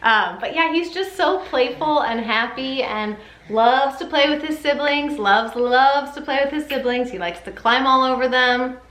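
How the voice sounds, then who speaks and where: Speaking at a measured pace in a high, fairly bright voice, a woman chats to camera with a motherly vlog update, now and then slipping into sing-song baby talk. The home room with its ceiling fan gives a roomy echo, with faint noise underneath.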